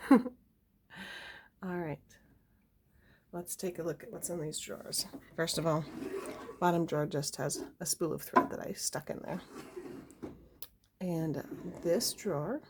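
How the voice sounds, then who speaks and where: Lowish and a little mellow, this young woman's voice carries a little hiss or hum. She's a homesteading vlogger chatting casually at home, showing her camera an item with small laughs, giggles and plenty of fillers.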